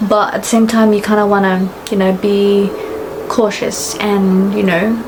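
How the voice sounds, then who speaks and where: A young woman from Fiji talks to camera in a loose, casual vlog. She wanders through her points with plenty of "uh" and "like", often correcting herself mid-sentence, at a mid-range pitch. A steady hiss of background noise sits under her voice. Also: measured pace. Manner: rambling, full of fillers and self-corrections. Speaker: travel vlogger.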